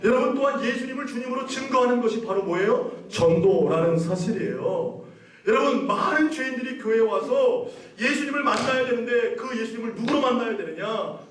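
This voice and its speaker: A man's voice: very high-pitched, lively intonation, a little fast, slight background noise. A male pastor preaching a sermon, questioning the congregation and building to emphatic passages. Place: church sanctuary. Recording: echoey church hall, mic at a distance.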